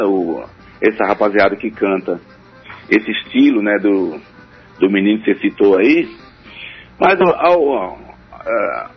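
A forró singer from Northeast Brazil answers questions as a guest on a radio interview, rambling and hesitant, with lots of fillers. His voice is fairly low with a breathy edge. The broadcast sounds dull, with faint music underneath.

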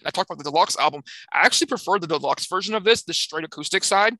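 A young man with a very bright, forceful voice talks loosely on a podcast, joking and swearing casually. His voice sits a little high and is recorded dry and close. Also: animated, very fast, no echo. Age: young adult. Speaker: podcast co-host. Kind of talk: casual chat.

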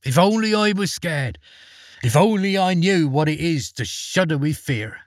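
A man's voice: fairly high pitch, very animated, normal speed, husky, dry recording, studio quality. A man voicing a fearless, cheerful young peasant boy in a storybook reading, plain and unbothered. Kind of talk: storybook character voice.

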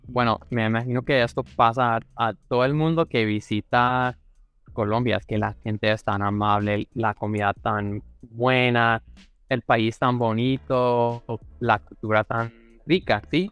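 A man's voice: medium pitch, fairly bright tone, clear, resonant tone, dry recording. A young American man, a native English speaker, chatting as a podcast guest and searching for his words in careful Spanish. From Kansas City, Missouri, USA. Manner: measured, repeats words while searching for Spanish. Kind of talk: casual interview chat.

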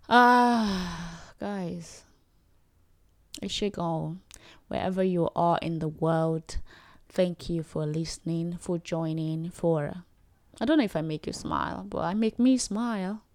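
A woman's voice: on the low side, slow pace, no echo, clean studio sound. A young adult Nigerian woman hosting her own podcast, talking in a chatty, rambling way with fillers and little laughs. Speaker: podcast host. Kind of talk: solo podcast chat.

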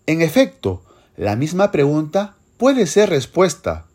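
A teacher narrating a scripted language lesson, speaking slowly and clearly. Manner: slow, clear instructional delivery with lively pitch.

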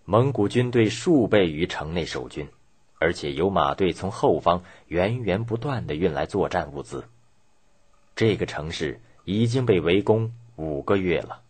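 A man narrating history in a scripted documentary style, telling it as a measured, dramatic story. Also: sits low, expressive, husky.

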